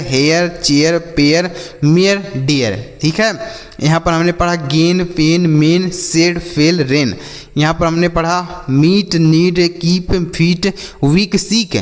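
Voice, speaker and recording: Male phonics teacher, slightly high voice, drills and quizzes kids, long reverb on the recording. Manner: repeats words and quizzes children with call-and-response questions. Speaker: English teacher. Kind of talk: classroom-style phonics lesson.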